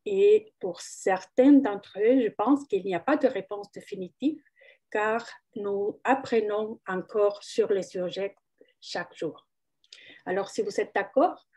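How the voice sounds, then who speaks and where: A woman's voice: mid-range voice, measured pace, mellow, slightly rough. A woman moderating a forum, presenting a guest and questions in a formal, prepared way.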